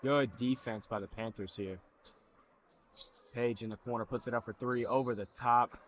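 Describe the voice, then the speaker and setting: A teenage male student calling a high school basketball game play by play, excitable and prone to cheering. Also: moderate pace. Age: teens. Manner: excitable, breaks into loud cheering. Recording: dull lo-fi webcast audio with faint gym noise.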